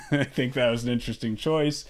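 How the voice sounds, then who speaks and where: A man's voice: mid-range voice, fairly even intonation, fairly quick. A man co-hosting a podcast, ranting profanely and scornfully about a movie in casual chat. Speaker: podcast co-host.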